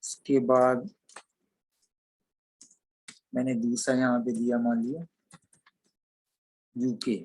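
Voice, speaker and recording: A man's voice: mid-range voice, flat delivery, slow, pauses often, a little mellow, slightly rough, poor audio. A man teaching an online programming class, explaining code step by step as he types. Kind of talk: online coding lecture.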